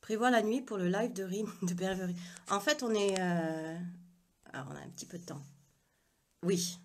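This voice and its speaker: A woman's voice: medium pitch, normal speed. A woman author chatting on a live video stream from her phone, hesitant and full of fillers, with an unusual accent she calls her own. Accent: unusual accent, self-described. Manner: hesitant, many fillers and restarts. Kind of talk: casual live video chat.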